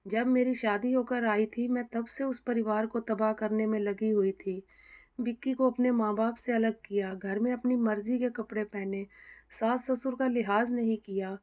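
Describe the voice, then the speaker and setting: A woman's voice: a little high, steady tone, normal speed, a little mellow, lightly acted. A woman voicing a remorseful, guilt-ridden young pregnant daughter-in-law who speaks in anxious, self-reproaching tones.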